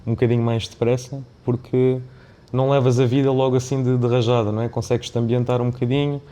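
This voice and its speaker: Quick and mellow, with little pitch movement, this medium-pitched man speaks as an interview guest on a podcast, where he's featured as a founder and CEO. He carries a European Portuguese accent, was born in Mozambique, and comes from an Indian family. His talk is reflective and meandering, often dotted with tag questions.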